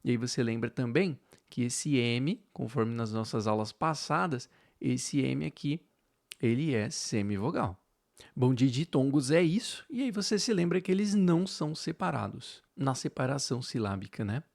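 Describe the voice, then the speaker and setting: A man's voice: mid-range voice, lively intonation, normal speed, vocal fry, a little mellow. A man with a Brazilian Portuguese accent teaching an online grammar lesson, explaining step by step and often checking in with tag questions. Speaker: exam-prep teacher.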